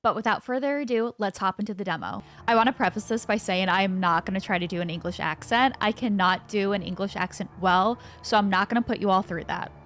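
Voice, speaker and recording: A woman's voice: medium pitch, fast talker, hardly any pauses, fairly bright tone. Upbeat woman hosting a game video. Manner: upbeat, self-deprecating about pronunciation. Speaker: gaming streamer. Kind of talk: casual gameplay commentary.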